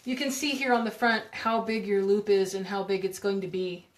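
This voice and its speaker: A woman's voice: mid-range voice, fairly even intonation, normal speed, reverberant. A woman hosting a live crafting demo from her home craft room, chatting and rambling with viewers as she works with her hands. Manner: chatty, rambling, giggly, talks while working with her hands. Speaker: craft video host.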